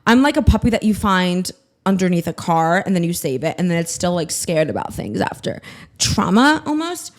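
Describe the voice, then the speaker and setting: Here a woman in her twenties runs her own podcast, speaking at a normal pace in a fairly low, sing-song voice. The solo monologue is casual: a scattered, self-deprecating rant peppered with plenty of swearing.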